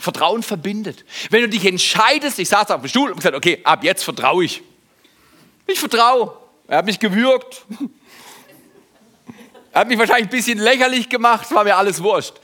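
A man from Germany preaching, telling a personal story and turning it into a sermon, speaking straight to the listener and swinging between loud outbursts and hushed lines. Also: sits high, animated, moderate pace, long pauses. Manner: addresses listener directly.

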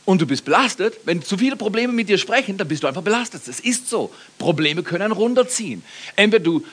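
Ein Mann mittleren Alters, der als Pastor lebhaft predigt, der Gemeinde Fragen stellt und über eigene Scherze lacht. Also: male voice, fairly high pitch, breathy edge. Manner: lively preaching, asks the congregation questions, laughs at own jokes. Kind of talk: sermon.

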